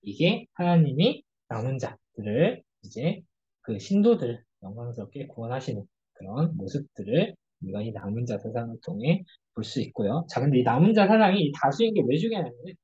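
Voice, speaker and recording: Lively, husky-voiced Bible study leader. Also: medium pitch, a little fast, highs cut off. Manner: animated storytelling, acting out quoted speech. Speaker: church youth group study leader. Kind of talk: casual Bible study lecture.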